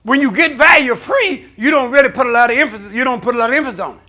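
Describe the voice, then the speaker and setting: High, bright-voiced preaching man. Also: expressive, very fast. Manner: call-and-response preaching that builds to shouting. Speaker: pastor. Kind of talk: sermon. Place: church sanctuary.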